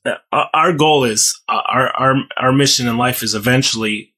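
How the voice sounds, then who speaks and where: A man from Ukraine speaks as a rabbi guest on a podcast. He talks earnestly and haltingly, pausing on fillers, in a voice of ordinary middle pitch. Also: sharp tone. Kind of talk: podcast interview.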